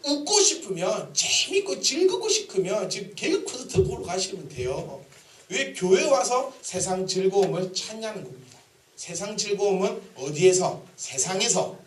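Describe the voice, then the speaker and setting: A man's voice: sits high, normal speed, distant mic. A man preaching a sermon in a church, joking and acting out everyday dialogue. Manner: animated, joking, acts out dialogue. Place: church sanctuary. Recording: echoey church hall.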